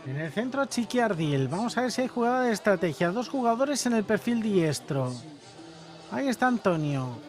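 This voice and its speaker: A man's voice: sits high, big pitch swings, normal speed, soft background music. A man giving live play-by-play commentary on a beach soccer match. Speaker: sports commentator.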